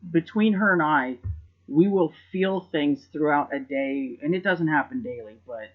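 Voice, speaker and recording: A man with a slightly high voice hosts a casual podcast chat. He talks in a rambling, reflective way and repeats words as he gathers his thoughts. The recording sounds dull and lo-fi. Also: unhurried. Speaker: podcast host.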